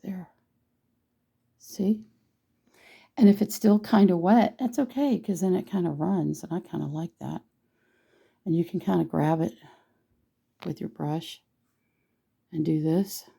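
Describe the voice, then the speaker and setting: A hoarse woman with a gravelly voice, chatting casually and teasing herself while she teaches a painting tutorial. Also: fairly low pitch, a little slow, long pauses, warm tone. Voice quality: gravelly, husky voice. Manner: chatty, self-deprecating, thinks aloud while painting.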